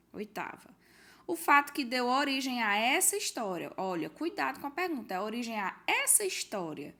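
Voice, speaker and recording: A woman teacher from Brazil, with a slightly high and somewhat bright voice, has recorded a homework walkthrough. She patiently explains a worksheet to her pupils, reading out its questions and offering hints.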